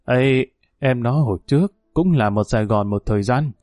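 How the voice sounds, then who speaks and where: A man's voice: medium pitch, moderate pace, darkish tone, dry recording, close to an everyday voice. A weary, grieving old villager with a Northern Vietnamese accent, his talk heavy with sighs, as a man reading the story puts him on. Faint music sits under a very dry, close voice. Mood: mournful. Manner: sighing, mournful talk.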